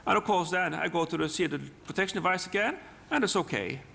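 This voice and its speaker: Norwegian guy demoing software at a talk, kinda high creaky voice, keeps restarting, big echoey hall. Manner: halting, repeats words and restarts often. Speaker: software presenter. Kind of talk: live technical demonstration talk. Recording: long hall reverb.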